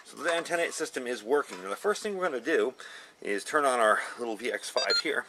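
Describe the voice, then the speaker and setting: This product reviewer and video host talks fast in a medium-pitched, expressive voice while demoing a product hands-on in a gravel yard outside. His style is casual, folksy and explanatory, and ambient noise runs through the outdoor camera audio.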